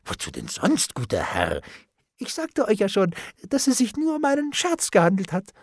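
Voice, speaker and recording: A man voicing a cowardly, frightened bailiff in an audiobook, pleading in a high, whining voice broken by gasps and whispered prayers. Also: wildly swooping pitch, normal speed, breathy edge, no echo, studio quality, full character voice. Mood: feigned nonchalance. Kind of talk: audiobook character reading.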